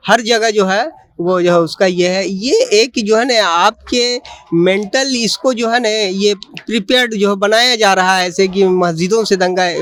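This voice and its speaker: Stopped for an impromptu interview, this man states his view with emphasis and repetition, falling back on the same filler phrase. He has a high-pitched, fairly bright voice.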